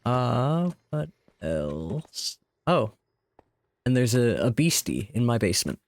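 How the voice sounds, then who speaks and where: A man's voice: medium pitch, big pitch swings, slow, no echo. A man chatting casually on his live stream, rambling with small laughs, his voice a little sick and tired. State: sick and slightly hoarse, tired. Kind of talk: casual live-stream chat while gaming. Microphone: desk microphone.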